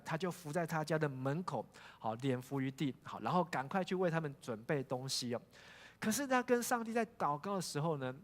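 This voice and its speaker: Man preaching. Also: fairly high pitch. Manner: storytelling, asks the congregation questions, frequent "hao" fillers. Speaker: pastor. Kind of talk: sermon. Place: church sanctuary. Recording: long church hall reverb.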